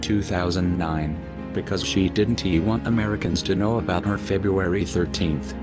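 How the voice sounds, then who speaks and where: Give me a man with a disguised, deep voice reading steadily over clear background music. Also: normal speed, lo-fi sound. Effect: disguised deep voice changer. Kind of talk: scripted reading of a news report.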